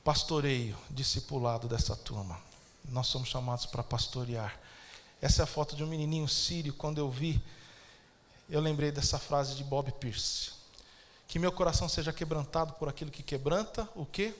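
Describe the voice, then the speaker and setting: A man's voice: fairly high pitch, moderate pace. A man with a Brazilian Portuguese accent preaching a sermon as pastor, emphatic and calling out to the congregation for amens.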